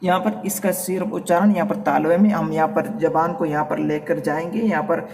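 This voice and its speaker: A man with a Rajasthani accent teaching a Hindi grammar class, repeating vowel sounds slowly and calling his students "beta". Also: on the high side, steady tone, a little mellow, recorded from a distance.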